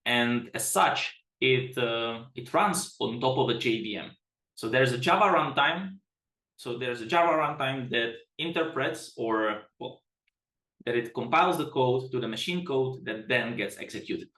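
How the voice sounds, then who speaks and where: A man from the Czech Republic presents in a webinar with a chatty, self-deprecating manner, often restarting his sentences. His voice sits at an ordinary pitch and carries a noticeable room echo. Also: a little slow, fairly bright tone. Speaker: product management director.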